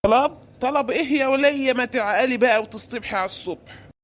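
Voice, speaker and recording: A woman's voice: high-pitched, fast, lightly acted. A woman voicing a stingy, grumbling middle-aged husband in an Egyptian cartoon, with an Egyptian accent and a scolding, exasperated way of talking. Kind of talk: cartoon voice acting.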